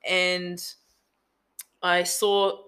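Nz woman chatting on a podcast, bright clear voice, lots of likes and ums. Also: lowish voice, extremely slow. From New Zealand. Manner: relaxed storytelling with many fillers. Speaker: guest, event business owner. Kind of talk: casual podcast interview.

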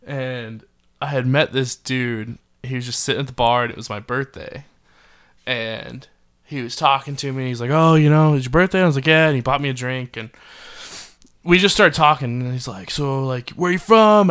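Man, casual chat, easygoing storyteller, bright tone, smooth clear voice. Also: medium pitch, normal speed. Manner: easygoing storyteller, laughs at himself.

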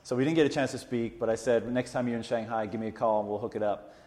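A man's voice: mid-range voice, steady tone, fast talker, darkish tone, long reverb tail. A man hosting an interview, asking casual, rambling questions. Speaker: interviewer host. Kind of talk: conversational interview.

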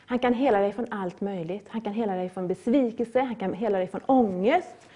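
A middle-aged woman preaching a sermon, earnest and repetitive, with loud rising appeals. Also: mid-range voice, husky.

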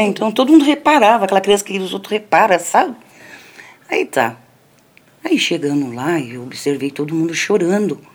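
An older woman telling a personal story in a conversational way, often adding little tag questions and speaking straight to her listeners. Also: medium pitch. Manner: conversational, lots of "né" tags, addresses listeners. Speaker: storyteller recounting a childhood memory. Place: community center.

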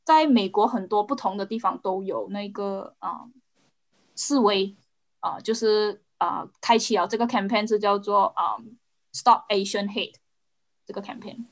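A woman's voice: mid-range voice, unhurried. A woman in a casual discussion, searching for words and dropping English into her Mandarin. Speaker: podcast co-host.

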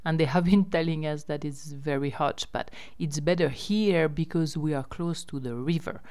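Female host, deep clean tone, informal update delivery. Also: normal speed, darkish tone. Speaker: host running a riverside lodge and campsite. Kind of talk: casual spoken news update.

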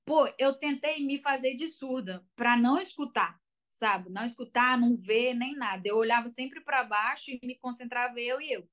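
A woman's voice: on the high side, normal speed, a bit bright. A young Brazilian woman with a Brazilian Portuguese accent, chatting casually as an interview guest and telling her story with lots of fillers. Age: young adult. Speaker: guest, college soccer player.

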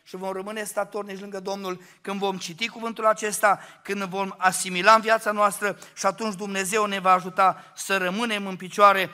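High, bright-voiced fervent man preaching. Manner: impassioned, swings from hushed to shouting. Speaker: guest preacher. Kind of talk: fervent Pentecostal sermon. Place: church service.

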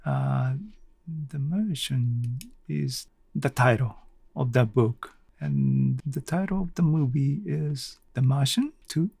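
A man hosts a casual solo audio blog like a podcast, taking his time over each phrase and often searching, halting and hesitant, for the next word. His medium-pitched voice is a little mellow with a creaky, gravelly edge. The recording is dry, with very little room sound.

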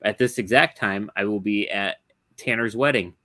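Low-voiced man, dry close sound. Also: moderate pace, bright, forceful tone, dry recording. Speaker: podcast co-host. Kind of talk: casual chat.

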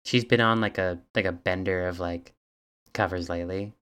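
A man with a very low voice co-hosts a casual podcast. He reads out facts from his notes, filling the gaps with ums and uhs. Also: fairly even intonation, moderate pace, fairly bright tone, clean tone. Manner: reads album facts from notes, hesitant fillers. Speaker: podcast co-host. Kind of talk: casual chat.

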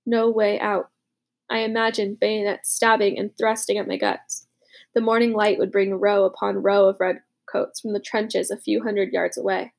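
A woman narrating a war story as a young soldier, with dramatic, hushed, urgent delivery in the dialogue. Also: mid-range voice, little pitch movement, moderate pace, gravelly. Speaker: narrator voicing a boy soldier. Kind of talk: audiobook narration.

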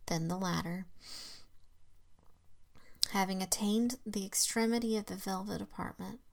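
Woman reading a tale in hushed whispers. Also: medium pitch, creaky. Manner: slow, dramatic phrasing with occasional slips. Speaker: reader.

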